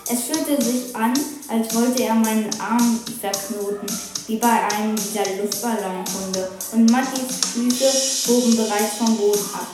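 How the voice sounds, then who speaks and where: A woman presenting a book and then reading a chapter aloud in a steady manner. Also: a little high, a little slow. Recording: echoey room from a distance, music behind.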